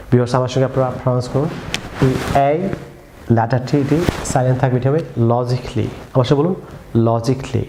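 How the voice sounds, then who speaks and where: A man teaching English pronunciation in a YouTube tutorial, often calling out to viewers and leading repetition drills. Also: medium pitch. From Bangladesh. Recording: echoey room, faint ambient noise.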